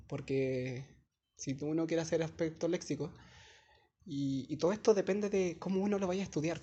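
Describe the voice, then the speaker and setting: A man's voice: fairly high pitch, dark tone, slightly rough, muffled recording. A young man with a Chilean accent, a teaching assistant explaining an assignment in a chatty, digressive classroom talk full of casual slang, recorded on a phone in a classroom. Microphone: phone held by a student.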